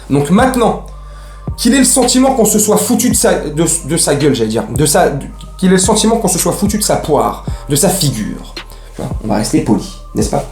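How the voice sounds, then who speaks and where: A man's voice: on the high side, a little mellow, roomy sound. A man hosting a casual football fan vlog, ranting in slangy, rambling speech. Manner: slangy, heated, rambling with restarts.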